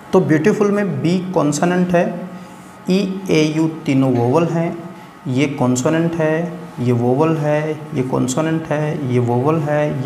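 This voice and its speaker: This English grammar teacher has a fairly high pitch but a darkish tone. His exam-prep lecture moves step by step, with frequent checks that students are keeping up, and the echoey hall adds a faint hiss.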